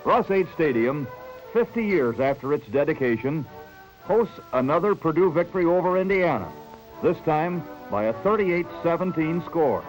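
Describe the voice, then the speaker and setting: A man narrating a 1970s newsreel, giving a crisp, upbeat announcer read of campus and football events. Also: fairly high pitch, expressive, normal speed, poor audio. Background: music bed.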